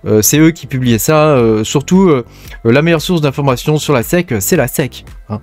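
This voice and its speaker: A man's voice: medium pitch, moderate pace, a little mellow, faint music behind. A man with a French accent hosting casual mining news commentary, talking in a hesitant way with lots of fillers. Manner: chatty, hesitant, frequent fillers. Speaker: crypto mining channel host.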